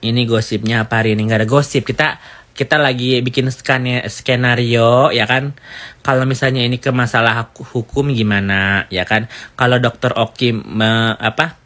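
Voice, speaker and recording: Chatty gossip host, man, bright tone, rambling, mid pitch. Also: fairly even intonation, moderate pace. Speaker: gossip commentator. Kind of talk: casual gossip commentary.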